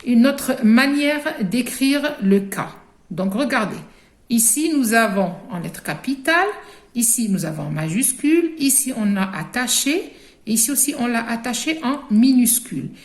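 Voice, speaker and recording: A woman with an Algerian French accent teaching young children to read. She speaks slowly and stretches words so the class can repeat after her. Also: on the high side. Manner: slow, deliberate, stretches words for repetition. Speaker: primary school teacher. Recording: echoey room.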